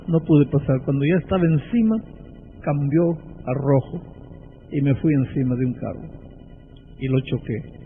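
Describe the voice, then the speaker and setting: A man, a pastor, preaching a sermon with fervent, slow and stressed phrases. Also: sits high. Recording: tinny phone-like sound with faint background noise.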